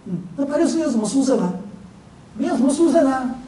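A woman teaching a Buddhist dharma lecture, telling a story with frequent drawn-out fillers. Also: high-pitched, lively intonation, warm tone. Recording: roomy hall, distant mic, faint hiss.

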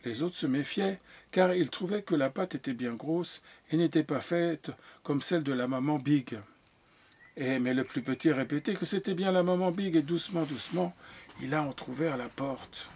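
A man reading a folk tale aloud, pausing with fillers and restarting lines as he voices the characters. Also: a little high, a little mellow, a little hiss or hum. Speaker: storyteller. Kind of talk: storybook reading.

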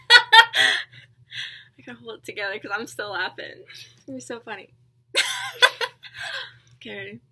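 A woman's voice: mid-range voice, very animated, a little slow, pauses often, sharp tone, breathy edge. A young woman chatting casually indoors as a roommate guest, goofy and giggly. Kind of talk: casual chat. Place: indoor room.

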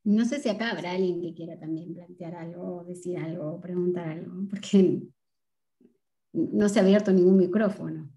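A woman's voice: lowish voice, normal speed, mellow, muffled recording. A woman with an Argentine Spanish accent speaking as a panelist in a video-call discussion, with a thoughtful, questioning way of talking.

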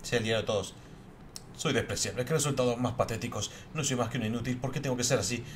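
A man's voice: medium pitch, fast talker, slight background noise, close to an everyday voice. A man reading out a self-loathing boy's diary from a game in a bitter, self-reproaching tone. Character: self-loathing boy striving for his father. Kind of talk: reading game text aloud.

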